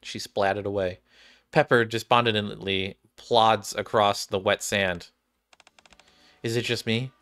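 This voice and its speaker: A young adult man who streams games reads visual novel dialogue aloud in a slow, steady voice that is on the low side yet fairly bright. He is in a small indoor room with game music playing behind him.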